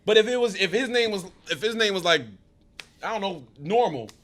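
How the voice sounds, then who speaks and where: A man co-hosting a podcast in casual chat, quick and emphatic when arguing. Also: high voice, lively intonation, a bit bright. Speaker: podcast co-host.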